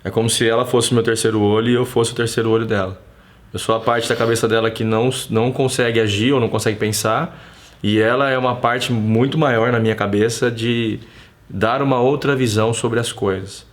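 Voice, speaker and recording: A man with a Brazilian accent hosts a casual live stream from his home, his voice sitting at an ordinary middle pitch. He talks in an animated, slangy way and often acts out bits of dialogue as he tells a story. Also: a little fast.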